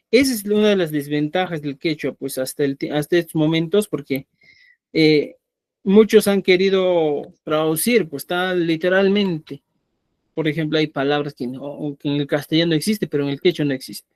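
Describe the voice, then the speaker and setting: During a live online language lesson, a Quechua teacher patiently explains material and keeps checking on students with a frequent "¿ya?". His voice is on the high side and a little mellow, recorded with clean studio sound and no echo.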